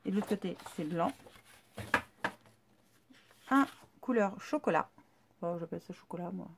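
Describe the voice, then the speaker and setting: A woman's voice: fairly low pitch, animated, a little slow, gravelly, noisy background. A woman YouTuber chatting casually through an unboxing, chatty and enthusiastic, with many fillers. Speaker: craft YouTuber.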